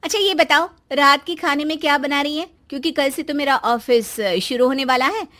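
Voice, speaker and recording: A woman doing a shrill, scolding daughter-in-law. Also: a little fast, bright, forceful tone. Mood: polite. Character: sharp-tongued, complaining young daughter-in-law. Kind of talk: cartoon story voice acting.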